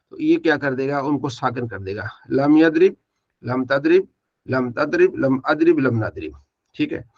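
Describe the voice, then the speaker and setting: A man with a slightly raised pitch teaches an online grammar class. He works through verb forms one by one and asks questions before he answers them. The recording is dull and lo-fi. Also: fairly bright tone. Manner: drills students by asking and answering his own questions, repeats forms.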